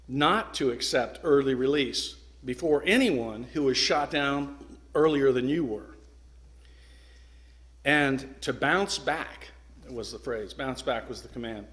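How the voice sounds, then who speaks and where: A middle-aged guest speaker with a mid-range, slightly bright voice addresses a club in an earnest, emphatic speech. He pauses for effect and sometimes restarts his sentences.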